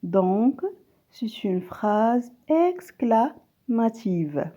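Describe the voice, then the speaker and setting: A woman's voice: fairly high pitch, very animated, drawn-out words, warm tone, highs cut off. A woman teacher giving a video grammar lesson, switching between French and Arabic and reading example sentences aloud. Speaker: primary school teacher.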